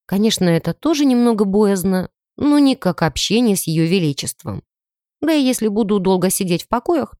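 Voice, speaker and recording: A woman tells a first-person story in audiobook style, with expressive delivery and a lively pitch. Her voice sits in a middle range. The sound is dry and close-miked. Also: dry recording. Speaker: audiobook narrator.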